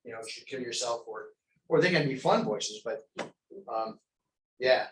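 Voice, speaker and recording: In a crisis intervention class, a male instructor with a medium-pitched, very animated voice lectures at a normal speed. His teaching is conversational and rambling, packed with fillers, and the distant mic picks up an echoey training room with faint noise.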